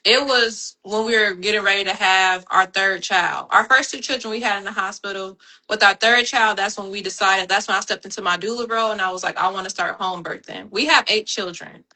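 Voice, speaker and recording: A woman in her thirties, a doula and homeschooling mother, telling her story as a guest in a relaxed way with frequent fillers. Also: mid-range voice, brisk, low-quality recording. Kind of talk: personal story on a live panel.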